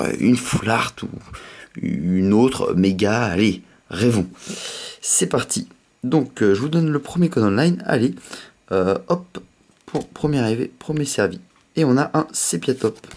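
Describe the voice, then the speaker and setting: Chatty man with a slight lisp. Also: mid-range voice. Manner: excitable, chatty, exclaiming. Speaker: host of a card pack opening video. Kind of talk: casual unboxing commentary.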